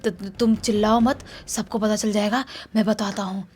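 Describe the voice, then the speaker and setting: A woman voicing a lovelorn young male jinn who pleads softly and keeps reassuring. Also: medium pitch, fairly even intonation, normal speed, a little hiss or hum, natural voice. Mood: pleading. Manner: soothing, insistent reassurance.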